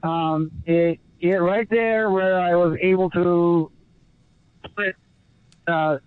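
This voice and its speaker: A man is heard over a thin, narrow satellite phone line with delay, relayed through a video call. His voice sits fairly high for a man. He answers in halting bursts, full of fillers and restarts. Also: fairly even intonation, no echo. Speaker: ocean rower on an expedition. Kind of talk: remote interview guest. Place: small rowing boat out at sea.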